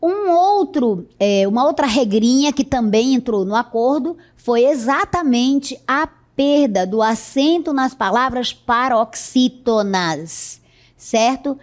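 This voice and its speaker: A woman's voice: sits high, lively intonation, a little mellow. A woman teacher with a Brazilian Portuguese accent, giving a recorded lesson in a patient, explanatory way and checking in with her students often. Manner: slow, explanatory, checks in with "certo?".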